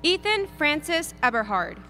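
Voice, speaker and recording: A woman reading graduates' names at an outdoor graduation ceremony, announcing each one deliberately. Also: sits high, big pitch swings, pushed and bright. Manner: deliberate, lilting name announcing. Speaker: graduation name reader. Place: outdoor stadium ceremony over PA.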